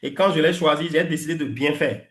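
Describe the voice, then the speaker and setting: A man whose first language is French leads a live English class, repeating words slowly so his students can copy them. His voice sits a little high. The room around him is echoey. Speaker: English teacher.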